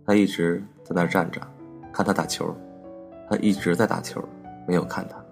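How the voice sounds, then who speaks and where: A man narrating a personal story as a podcast host, in a calm, measured and wistful manner. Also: low voice, vocal fry, soft background music.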